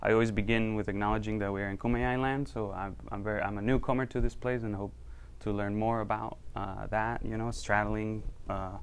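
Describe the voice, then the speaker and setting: A man's voice: lowish voice, fairly even intonation, brisk, few pauses, clean tone. A man from Costa Rica presenting his research to a small audience in a lecture room, loose and conversational with many fillers. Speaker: university researcher giving a talk.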